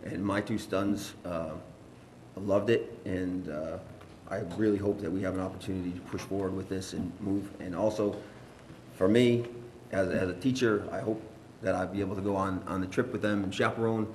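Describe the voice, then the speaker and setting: A very deep-voiced man speaks earnestly, in a loose, rambling way with plenty of fillers, as a teacher and parent at a school board meeting. His voice carries around an echoey room with a faint hum of ambience behind it. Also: fairly even intonation, moderate pace, a little mellow. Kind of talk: informal public remarks.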